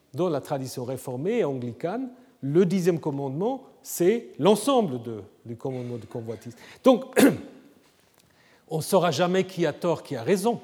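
A man giving an academic lecture in a conversational way, often checking in with his listeners with a quick "hein?". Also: fairly high pitch, dark tone, slightly rough. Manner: conversational, frequent "hein?" tag questions. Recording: reverberant lecture hall.

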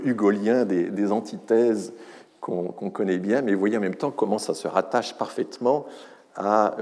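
In an academic lecture at a university, a man speaks hesitantly, with many fillers, restarts, and wry asides. His voice is deep and mellow, with a long reverb tail.

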